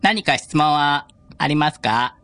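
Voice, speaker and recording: A man playing a polite male humanoid robot who talks in a flat, formal, scripted way in a radio comedy skit. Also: on the high side, unhurried, full character voice. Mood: stiff.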